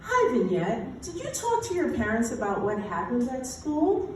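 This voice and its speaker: A woman storyteller quoting a calm, kindly male school principal in a measured tone. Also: on the high side, a little hiss or hum, pitched above the performer's own voice. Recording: very echoey, from far off.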